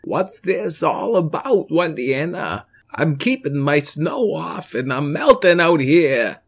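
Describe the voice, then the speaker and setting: A storyteller voicing a shy, downbeat male snow alien who speaks slowly. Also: mid-range voice, sing-song, slightly rough, heavily acted.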